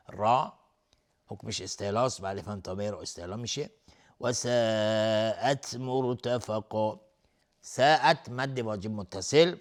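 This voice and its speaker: A man hosting a tajweed lesson, reciting verse fragments in a slow, drawn-out way and then explaining each rule in a brisk, plain teaching voice. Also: on the low side. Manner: draws out recited words slowly, then explains rules briskly. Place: TV studio.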